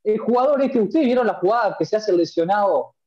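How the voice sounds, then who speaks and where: A man's voice: high-pitched, expressive, fairly quick, lo-fi sound. A man in his twenties with a Uruguayan accent, ranting angrily about football in a casual podcast, swearing and repeating himself. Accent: Uruguayan Spanish. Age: 20s. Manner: ranting, profane, repeats words. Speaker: podcast co-host. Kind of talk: heated football chat.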